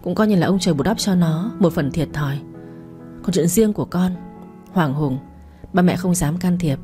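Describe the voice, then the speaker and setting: A woman doing a calm, warm old father. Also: moderate pace, soft background music, close to an everyday voice. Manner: calm, deep and gentle.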